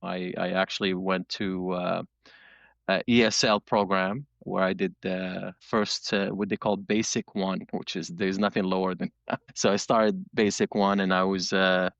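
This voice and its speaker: A man from Morocco, a startup founder and interview guest, telling stories in a relaxed way with many fillers. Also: sits low, a little slow, gravelly, no room sound, dull audio. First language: Moroccan Arabic or French, not English. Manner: relaxed storytelling, frequent fillers. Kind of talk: conversational interview.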